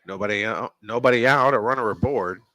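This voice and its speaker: A man calling live baseball play-by-play at a high school ballpark in a chatty, jokey, old-school style. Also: brisk, pushed and bright, no room sound. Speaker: play-by-play announcer.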